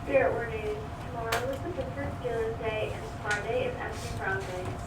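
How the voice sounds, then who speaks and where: A woman's voice: fairly high pitch, fairly quick. Female school announcer heard over the intercom, upbeat scripted reading, distant and roomy. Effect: school intercom loudspeaker. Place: classroom, heard through intercom speaker. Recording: echoey distant noisy classroom loudspeaker.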